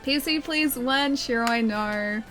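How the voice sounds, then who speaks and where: A woman's voice: on the high side, slow pace, a bit bright. A woman livestreaming a game and chatting casually with viewers, articulating a little carefully around the retainer trays in her mouth. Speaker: live game streamer. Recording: music playing behind the voice. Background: background music.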